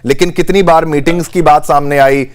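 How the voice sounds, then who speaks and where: A man's voice: fairly high pitch, fairly even intonation. Male news anchor, probing questions. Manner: presses guests with pointed questions, many quick backchannel hums. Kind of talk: moderating a TV panel debate.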